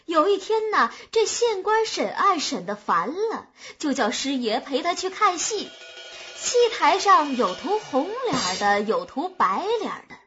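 A woman narrating a humorous folk tale in a lively, expressive storytelling manner, on a dull lo-fi recording. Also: high voice, measured pace, soft background music.

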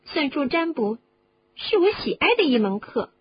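Woman putting on a studious teen witch girl, bright and high-pitched, muffled sound. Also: big pitch swings, moderate pace, slight background noise. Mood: eager. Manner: high and eager, turning shrill when upset.

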